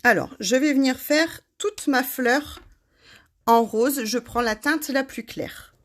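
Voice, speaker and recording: A woman's voice: sits high, slow pace. A woman hosting a casual craft tutorial, chatting to her viewers by name and laughing at herself.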